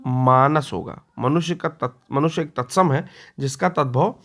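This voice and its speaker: A male teacher giving an exam-prep lecture. He explains patiently, repeats key words slowly and often clears his throat. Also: fairly high pitch.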